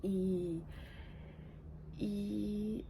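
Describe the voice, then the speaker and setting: A woman, speaking gently and hesitantly, with many pauses, as a mother sharing her story. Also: medium pitch, flat delivery, creaky, a little hiss or hum. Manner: soft-spoken, hesitant, many pauses and fillers. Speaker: mother vlogger. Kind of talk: casual personal talk to camera. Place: quiet home room.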